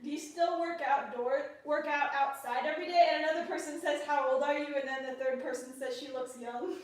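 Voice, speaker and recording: A woman's voice: sits high, steady tone, fairly quick. A woman off camera reading out viewer comments in a casual way, with brief giggly asides. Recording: distant, very echoey room.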